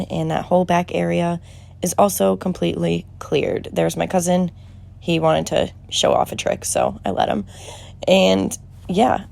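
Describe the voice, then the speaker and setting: A woman's voice: fairly low pitch, creaky, warm tone. A woman in her early twenties narrating a casual vlog voiceover in a conversational, wry way, close to the mic. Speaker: vlogger.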